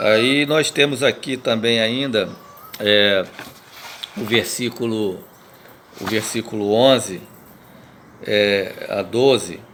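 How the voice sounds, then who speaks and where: A male pastor with a Brazilian Portuguese accent gives a daily Bible reading commentary, talking haltingly with many fillers, restarts and tag questions. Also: on the low side, fairly bright tone, a little hiss or hum.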